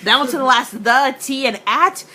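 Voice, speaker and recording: A young woman co-hosting a casual rant, with an animated, sassy way of talking. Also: high voice, normal speed, a crowd in the background. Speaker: co-host.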